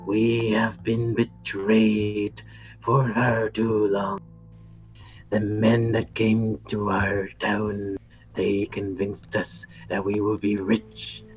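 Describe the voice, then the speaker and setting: A man's voice: fairly low pitch, monotone, extremely slow, soft background music. Un homme jouant un chaman gobelin solennel. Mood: solemn, vengeful. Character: small male goblin shaman, ominous and vengeful.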